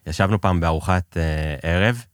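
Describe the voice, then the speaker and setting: Podcast guest: Israeli-accented Hebrew-speaking man, low register, close dry recording, hesitant anecdotal delivery with English jargon. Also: no echo. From Iran, immigrated to Israel. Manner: hesitant searching delivery, peppered with English business terms. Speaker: podcast guest, business executive. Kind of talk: conversational storytelling in an interview.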